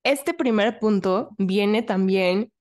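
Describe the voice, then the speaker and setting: A woman co-hosting a casual podcast, making her points with conviction. She drives her explanations home and slips into acted-out snippets of what people say. Her voice sits at an ordinary middle pitch. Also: slow, darkish tone. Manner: emphatic, explains with acted-out examples. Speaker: podcast co-host.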